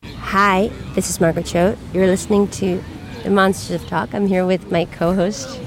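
A woman hosting a podcast outdoors in a city park, chatty and quick to laugh, a little tipsy. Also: medium pitch, little pitch movement, a crowd in the background. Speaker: podcast host. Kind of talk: casual chat. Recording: clear street noise behind. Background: city traffic noise.

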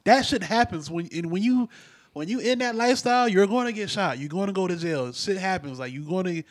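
A man's voice: sits high, expressive, brisk. A man in casual podcast chat, slangy and blunt, who often chimes in to agree.

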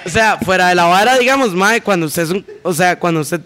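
A man's voice: high-pitched, animated, sharp tone. A Costa Rican man, a guest DJ, talking in a loose, defensive way in a casual chat. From Costa Rica. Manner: defensive, repeats "suave" to slow others down.

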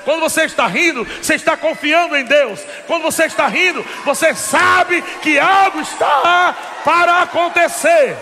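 A man preaching a sermon to a congregation, shouting and laughing fervently in a repetitive cadence. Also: very high voice, normal speed, in a large hall, some chatter behind, slight background noise.

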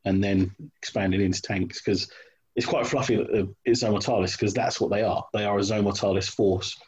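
A man's voice: fairly low pitch, fairly even intonation, fairly quick, a little mellow, husky. A man in casual chat about his hobby, hesitant, with many ums and restarts, on dull lo-fi call audio. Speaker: hobby wargamer guest.

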